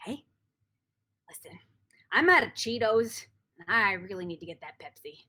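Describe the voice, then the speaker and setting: A woman's voice: mid-range voice, expressive, moderate pace, bright, forceful tone. A woman improvising as a bossy, exasperated game master in a comedy scene, sometimes dropping to a whisper.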